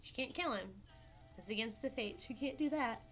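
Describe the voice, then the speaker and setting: A woman's voice: on the high side, animated, moderate pace, a bit bright, faint music behind. Chatty woman teacher retelling an epic. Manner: casual, chatty, self-correcting storyteller. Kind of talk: classroom lecture.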